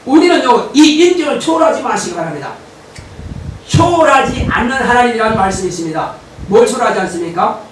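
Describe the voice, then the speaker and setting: A male pastor giving an animated sermon, at times shouting to drive his points home. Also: very high-pitched, a little fast. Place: church sanctuary. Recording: echoey church hall, mic at a distance, faint noise.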